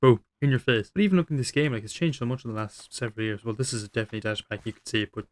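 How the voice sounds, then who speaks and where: A nineteen-year-old man rambling reflectively over gameplay, self-deprecating and swearing casually, his voice trailing off quietly. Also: mid-range voice, rapid-fire. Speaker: gaming YouTuber.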